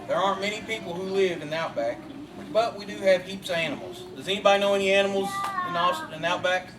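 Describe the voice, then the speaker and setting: A man's voice: sits high, quick pace, lightly acted. A man playing a cheerful, teasing Australian outback guide who calls the crowd "mates" in a live church skit. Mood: jolly. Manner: jokey, upbeat, addresses the crowd as mates. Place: large hall with an audience. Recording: roomy distant live recording with audience and noise.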